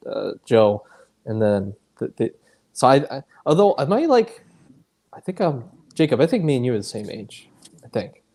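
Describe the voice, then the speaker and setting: Young male stream host, middle pitch, animated banter, laughs a lot. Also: normal speed. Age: 20s. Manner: laughs often, lively banter. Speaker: livestream host. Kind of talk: casual group chat on a livestream.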